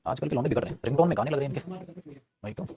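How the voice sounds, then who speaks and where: A man teaching an English grammar class, talking quickly and chattily and calling his students "beta". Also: mid-range voice, expressive, dark tone, breathy edge, highs cut off. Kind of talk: classroom grammar lesson in Hindi.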